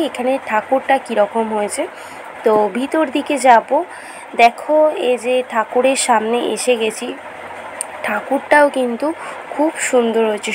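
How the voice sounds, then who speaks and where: Woman, hoarse voice, high pitch, chatty vlog narration, faint background noise. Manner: chatty, enthusiastic, addresses viewers directly. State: hoarse after a fever. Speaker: vlogger.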